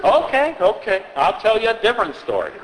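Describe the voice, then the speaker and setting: A man's voice: high voice, big pitch swings, normal speed, long reverb tail, noisy background. A man telling and reading folk tales aloud in a rambling, hesitant way, often restarting his sentences. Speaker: storyteller.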